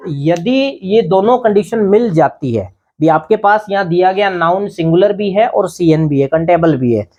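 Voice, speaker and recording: A man's voice: high voice, a little mellow. Male teacher checking "thik hai na?". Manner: explains step by step, asks and answers own questions. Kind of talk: grammar lesson.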